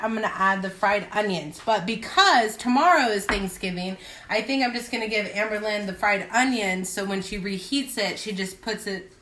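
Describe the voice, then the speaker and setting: Woman, slightly high voice, tipsy rambling home-cook vlogger, loose casual delivery, light background noise. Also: bright, forceful tone. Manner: rambling, thinking aloud. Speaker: home cook hosting a cooking video. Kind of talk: casual cooking vlog chat. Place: home kitchen.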